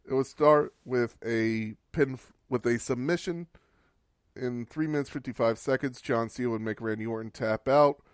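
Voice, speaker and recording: A man's voice: mid-range voice, moderate pace, clean tone, no echo, clean studio sound. A man hosting a podcast, giving a casual, wry recap of old wrestling matches and swearing for laughs. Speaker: podcast host.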